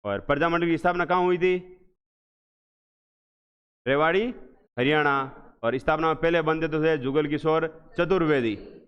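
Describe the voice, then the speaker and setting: A man teaching an exam revision class, asking questions again and again and answering them slowly and with emphasis. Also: a little high, clear, resonant tone. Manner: drills students with repeated questions, slow emphatic answers. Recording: echoey hall, dull lo-fi sound.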